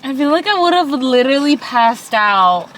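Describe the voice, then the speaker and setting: A woman's voice: high voice, animated, normal speed, fairly bright tone, a little hiss or hum, poor audio. A young woman in casual chat who reacts with exclamations and jumps in on the others. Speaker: co-host.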